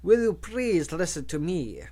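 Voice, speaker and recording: A man voicing a haughty, indignant male talking parrot with a British-sounding voice, slow and pompous. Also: high voice, expressive, mellow. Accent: British-sounding, as voiced in the story.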